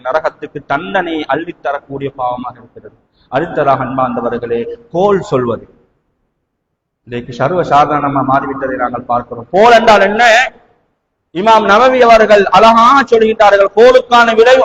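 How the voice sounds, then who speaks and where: Speaking in Tamil with Arabic quotations, this man preaches a fervent sermon in a large, echoing mosque hall, his high voice carrying a Sri Lankan Tamil accent. His style is emphatic and rhetorical, full of questions and repetition, moving between quiet and loud passages. The audio has long hall reverb, noticeable background noise, and missing high frequencies.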